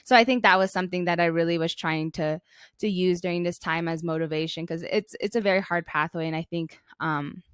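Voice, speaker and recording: A woman's voice: on the low side, brisk, a bit bright, clean tone, dry recording, clean studio sound. A young American woman from Arizona co-hosting a podcast in a casual, reflective way, with thoughtful, hesitant phrasing. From Flagstaff, Arizona, United States. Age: young adult. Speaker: podcast co-host.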